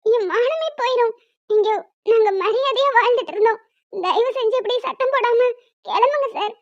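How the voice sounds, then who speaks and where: A woman's voice: extremely high pitch, normal speed. A woman voicing a young female dance teacher in a cartoon, earnest and pleading yet defiant. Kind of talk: cartoon voice dubbing. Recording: dull lo-fi.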